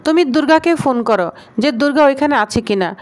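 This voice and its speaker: A woman's voice: high voice, expressive, fast. A woman voicing an indignant male company owner who talks in a demanding, irritated way.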